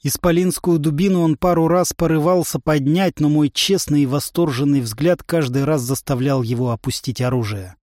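A man narrating a first-person fantasy story in an even, wry storytelling manner. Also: on the high side, moderate pace, hardly any pauses, dry recording, clean studio sound. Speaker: audiobook narrator.

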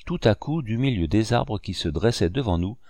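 Deep-voiced male audiobook narrator. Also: lively intonation, moderate pace, a little mellow, no room sound. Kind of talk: scripted narration.

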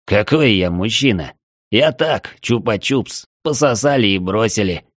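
A man's voice: fairly low pitch, lively intonation, a little slow, no room sound, studio quality. A male reader voicing a brash, wisecracking young raft captain. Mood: wry.

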